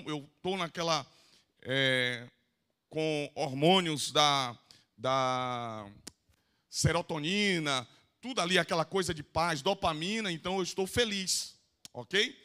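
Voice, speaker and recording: A Brazilian psychoanalyst with a Bahian Portuguese accent gives a live lecture in a council chamber, playfully teasing the audience and calling volunteers up. His voice is on the high side, pushed and bright.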